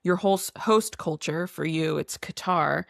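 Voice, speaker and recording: A young woman hosting a podcast, talking in a chatty, easygoing way with quick asides and laughs, who grew up abroad. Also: sits low, vocal fry, no room sound, studio quality. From grew up abroad in the Middle East. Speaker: podcast host. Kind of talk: casual chat.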